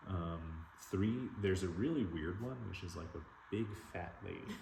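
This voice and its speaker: A man's voice: low-pitched, moderate pace, darkish tone. A man hosting a paranormal vlog, talking casually as he shows the place around. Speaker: vlog host. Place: inside an old hotel. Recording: noisy on-location camera audio. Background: clear room noise and ambience.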